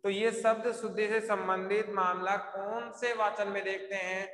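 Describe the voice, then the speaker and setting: Recorded in an echoey room with long reverb, a male teacher with a high-pitched, fairly bright voice speaks at normal speed in a level tone. During his live online class he repeatedly poses questions to students and answers them himself as he writes on a board.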